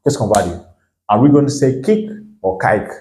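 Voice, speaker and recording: A man's voice: mid-range voice, lively intonation, a little fast, dark tone. A man giving a language lesson as an English teacher, explaining step by step and checking in often with his learners. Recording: echoey room.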